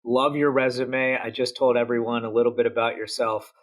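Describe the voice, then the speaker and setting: Indian-born host, upbeat interjections. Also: male voice, medium pitch, level tone, brisk. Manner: short encouraging interjections. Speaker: podcast host. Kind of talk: casual interview hosting.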